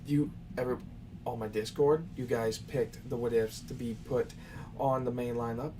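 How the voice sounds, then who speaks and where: Answering questions from viewers during a casual live session, the young host talks loosely and lectures them, somewhat exasperated. His mid-range voice stays steady and moves at normal speed. The mic sits far away and catches faint background noise.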